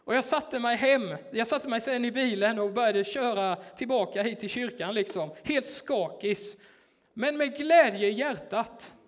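High-voiced man preaching casually. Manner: casual, hesitant, filler-heavy storytelling. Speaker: church worker preaching. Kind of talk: sermon told as a personal story. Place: church.

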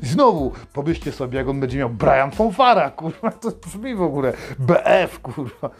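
A man hosting a comedic rant monologue, swearing constantly and mockingly yelling out names. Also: a little high, expressive, fairly quick, breathy edge, soft background music. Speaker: host.

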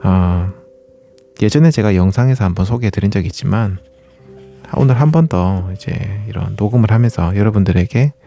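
A man's voice: lowish voice, brisk, warm tone, soft background music. A man hosting a running talk, speaking casually and politely as he explains things to listeners and puts questions to them. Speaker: running channel host.

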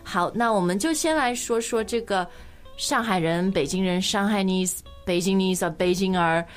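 A woman from Shanghai hosts a bilingual language-lesson podcast, chatting easily and laughing as she moves between two languages. Her voice sits at a middle pitch. Faint music plays in the background. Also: moderate pace. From Shanghai, China. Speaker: podcast host, English teacher.

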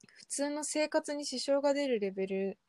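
A young woman co-hosting a podcast, talking candidly in casual chat, halting with many fillers. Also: high voice, darkish tone, dry recording, clean studio sound. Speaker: podcast co-host.

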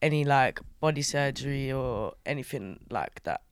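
Young female music artist, English urban street accent, slangy roadman delivery, smooth clear tone, dry sound, relaxed interview chat. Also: rumbling low, moderate pace, dry recording. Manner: slangy roadman-style speech.

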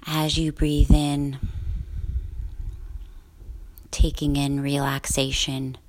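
A woman guiding a sleep meditation in a soft, slow, soothing whisper. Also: sits low, level tone, low-quality recording. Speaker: guided relaxation host.

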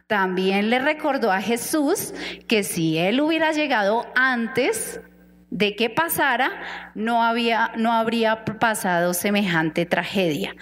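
A woman's voice: mid-range voice, long reverb tail. A woman preaching a sermon, speaking earnestly and emphatically and addressing her listeners directly.

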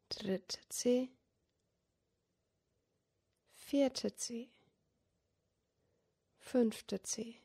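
A woman guiding a meditation in a soft, soothing, dreamy and breathy voice, giving short spoken cues. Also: a little high. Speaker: yoga nidra meditation guide. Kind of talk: guided meditation body scan, slow spoken cues.

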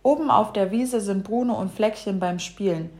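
A woman reads a children's story about animals aloud at normal speed. Her narration is lively and expressive, staying at an even middle pitch.

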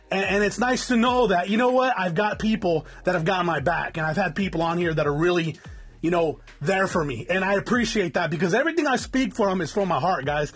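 Fast rambling guy in his 40s with a stuffy nose, kinda husky, cusses a lot, just talking off the cuff. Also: high voice. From Southern California. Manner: rambling, repeats words, cusses freely. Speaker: podcast host. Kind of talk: casual unscripted podcast monologue. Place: home in the desert.

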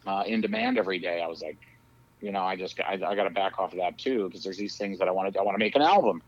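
Low-voiced rambling man on a muffled line. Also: quick pace. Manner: rambling, laughs often, many fillers. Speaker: podcast guest. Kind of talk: casual chat. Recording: muffled lo-fi audio.

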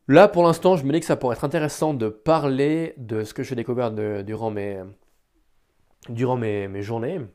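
A man's voice: medium pitch, a little mellow. Hesitant man, articulating carefully. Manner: hesitant, self-deprecating, thinking aloud. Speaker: amateur podcast host. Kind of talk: improvised solo podcast monologue.

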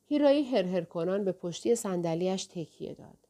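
Woman audiobook narrator, warm mellow tone, calm steady delivery. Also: lowish voice. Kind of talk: scripted narration.

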